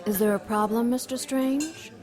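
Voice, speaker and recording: An actress playing Lilith, an ancient and cruel female demon, in an audio drama, speaking haughtily with slow mockery. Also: fairly high pitch, crowd noise, lightly acted. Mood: mocking.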